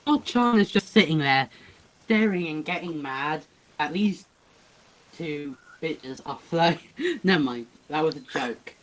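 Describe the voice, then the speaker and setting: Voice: medium pitch, lively intonation, a little slow, low-quality recording. A person casually narrating a fan-fiction story over a voice call, joking and restarting phrases. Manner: joking, loose, trailing restarts.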